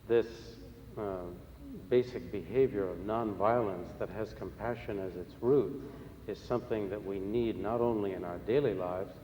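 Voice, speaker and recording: A man interpreting a religious teaching, speaking formally and carefully in short phrases with pauses between them. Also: lowish voice, mellow. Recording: echoey hall, long reverb, faint noise.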